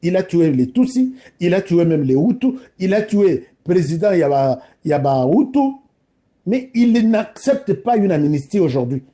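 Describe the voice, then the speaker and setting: Speaking in a high, sing-song, mellow voice at an unhurried pace, a Congolese-accented man from DR Congo offers informal political commentary with real emphasis, talking straight to his audience and mixing two languages.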